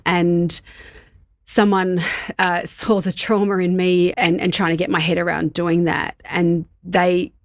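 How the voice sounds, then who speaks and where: A woman's voice: on the low side, level tone, unhurried, dry recording, studio quality. A middle-aged woman co-hosting a podcast, talking candidly and casually with frequent laughs and restarts. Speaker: podcast co-host. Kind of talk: casual chat.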